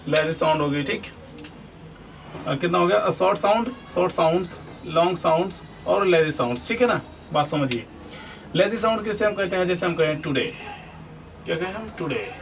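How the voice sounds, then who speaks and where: A man's voice: high-pitched, moderate pace, vocal fry, long pauses, far from the mic, a little hiss or hum, low-quality recording. A man teaching an English lesson, asking questions and answering them himself, often checking that students follow. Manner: repeats "ठीक है ना?" often. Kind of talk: classroom lesson.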